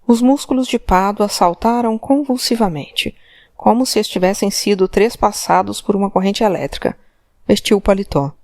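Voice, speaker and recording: A woman reading a crime story aloud as an audiobook narrator, measured and clear. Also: medium pitch, darkish tone, no echo, studio quality. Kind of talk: scripted narration.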